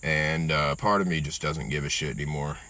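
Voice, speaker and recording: A man in his twenties in a casual, profane, joking chat who often trails off softly. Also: a bass voice, fairly even intonation, brisk, dry recording. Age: 20s.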